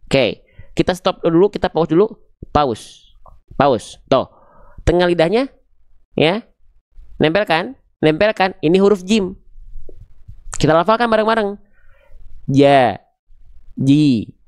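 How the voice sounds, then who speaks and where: A man's voice: on the high side, smooth, dry recording, studio quality. A man teaching letters and tajwid. He asks questions and answers them himself in a coaxing, playful way. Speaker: Quran reading teacher. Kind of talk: lively tajwid lesson.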